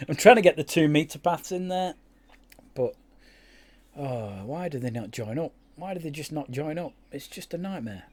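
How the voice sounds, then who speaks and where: A man's voice: a little high, expressive, normal speed. A man giving casual, rambling commentary over his own gameplay, with many fillers and restarts. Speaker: game YouTuber.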